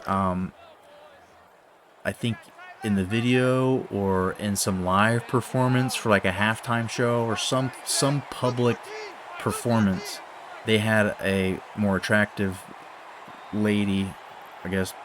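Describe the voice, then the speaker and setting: A man's voice: lowish voice, steady tone, slow pace, long pauses, background noise. A man casually commenting while playing a football video game, rambling and swearing between mock play-by-play calls. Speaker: gaming streamer.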